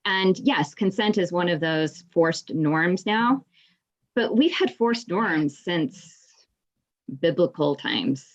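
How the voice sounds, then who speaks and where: A woman in the audience of an online discussion talks at length, with many "you know"s. Her voice sits low, and the call audio sounds dull and lo-fi. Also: animated, slow. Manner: rambling, frequent "you know". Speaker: audience member. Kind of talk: casual discussion on a video call. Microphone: video call.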